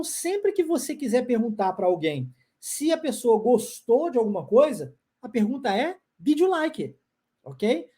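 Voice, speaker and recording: A woman with a Brazilian Portuguese accent teaching English pronunciation in a live online class, drilling phrases slowly and checking in with the learners. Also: mid-range voice, dark tone, slightly rough.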